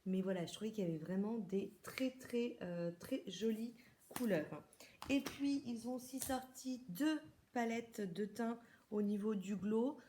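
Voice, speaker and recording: A woman from France chats through a makeup haul for her viewers. She talks casually, pausing and restarting her sentences as she shows each product. Her pitch sits at an ordinary middle level for a woman. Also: warm tone, a little hiss or hum. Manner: chatty, many hesitations and restarts. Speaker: beauty vlogger.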